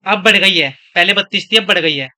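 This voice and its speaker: Bright-voiced young male classroom teacher. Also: high voice, fairly quick. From India. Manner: scolding, chatty, switches between lecture and anecdotes. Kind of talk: classroom lecture.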